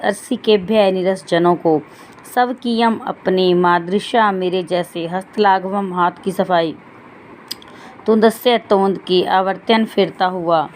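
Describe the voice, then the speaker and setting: A woman's voice: on the low side, darkish tone, a little hiss or hum. A woman teacher reading a Sanskrit text and explaining it line by line for her students. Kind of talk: Sanskrit lesson explained in Hindi.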